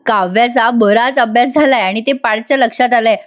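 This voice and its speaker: High-voiced woman recapping a serial. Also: fairly quick. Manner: animated retelling, acts out character lines. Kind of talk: voice-over episode recap.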